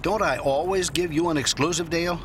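An actor playing a patient, sensible man who keeps others calm, in a radio drama. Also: a little high, fairly quick, a little hiss or hum, close to an everyday voice. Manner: level-headed, patient.

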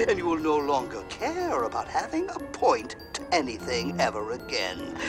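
A man's voice: extremely high pitch, exaggerated voice, rough recording. A man playing a cackling mad-scientist villain. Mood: grandiose. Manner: gloating, theatrical, frequent cackling. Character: scheming male wrestling-manager mad scientist villain. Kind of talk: comedic audio drama acting.

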